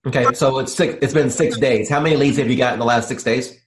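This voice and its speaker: A man hosting interviews with his students, getting straight to his questions in a brisk, direct way. His voice sits at a medium pitch. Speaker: host, coach.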